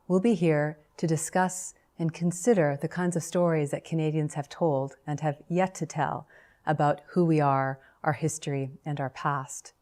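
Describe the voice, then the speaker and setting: A woman with a low-pitched voice opens an academic interview. She reads titles and names in a formal, measured way. Then she asks her guest questions with steady care. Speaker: interviewer, professor.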